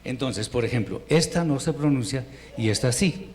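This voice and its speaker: A man teaches Hebrew reading rules in an unhurried, patient way, stopping to restart his sentences. His voice sits in a middle pitch range. A faint background hiss runs under the recording. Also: darkish tone. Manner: patient, explains step by step with pauses and restarts. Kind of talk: informal language lesson.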